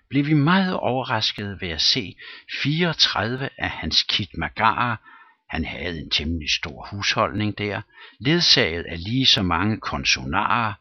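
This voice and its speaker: A man with a husky voice voicing a boastful sea captain who tells a tall tale in a loud, theatrical manner, on a dull lo-fi recording. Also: on the low side, no room sound, exaggerated voice.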